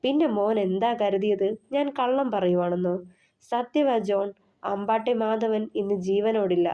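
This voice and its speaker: A woman's voice: medium pitch, normal speed, muffled recording, close to an everyday voice. A woman reading a wry mocking young man. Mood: sardonic. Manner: teasing, sardonic. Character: wry young male best friend, mocking.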